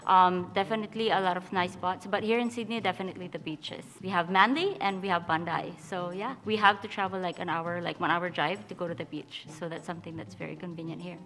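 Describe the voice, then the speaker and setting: A woman's voice: fairly low pitch, fairly even intonation, fairly quick, few pauses, a bit bright. Chatty young woman from the Philippines. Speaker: international student. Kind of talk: casual interview answers. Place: studio with dark backdrop.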